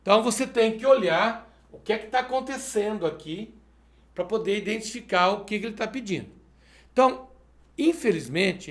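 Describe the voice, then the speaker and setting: A man with a high voice and roomy sound teaches a video math lesson. Working through the exercises step by step, he stays methodical and keeps checking in with the viewer, asking "perfeito?".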